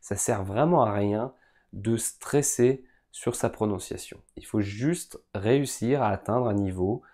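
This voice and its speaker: A man's voice: fairly low pitch, measured pace. A man from France, a French teacher and podcast host, patiently answering learners' questions and speaking straight to his listeners. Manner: calm, patient explanation aimed straight at listeners.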